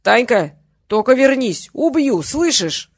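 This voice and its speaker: A reader acting out a drunken middle-aged father in an audiobook, bellowing and cursing with slow, slurred words. He drawls and roars rather than speaks. The recording is dry and close. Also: medium pitch, animated, slightly rough, no echo. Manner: shouting, slurred, drawn out. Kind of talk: audiobook character voice.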